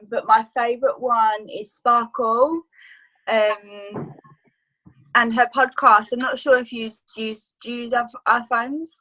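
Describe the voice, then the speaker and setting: A woman's voice: fairly high pitch, sharp tone, low-quality recording. A woman talking casually on a video call, sharing her business tips as a guest trainer, chatty, with many fillers and restarts. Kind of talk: casual online training talk.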